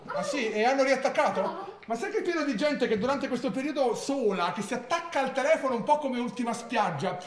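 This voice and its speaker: A man's voice: very high voice, very animated, fairly quick. An actor on stage playing a vain, fussy, melodramatic man, theatrical and prissy, prone to sudden outbursts. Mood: wry. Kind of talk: live stage monologue. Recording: echoey theatre with audience laughter. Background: audience laughing.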